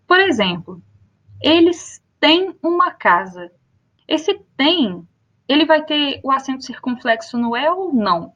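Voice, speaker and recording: Young Brazilian woman teacher, high voice, slow careful repeats, dull lo-fi sound. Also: very animated, fairly bright tone. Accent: Brazilian Portuguese. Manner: spells out and repeats example words slowly. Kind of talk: spoken grammar lesson.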